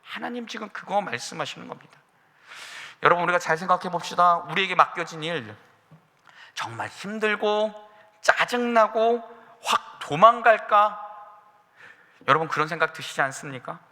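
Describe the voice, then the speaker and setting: A man preaching a Sunday sermon as pastor, earnest, sometimes speaking God's words to his listeners in a gentle, direct way. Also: sits high, animated, normal speed. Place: church sanctuary. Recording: reverberant church sanctuary.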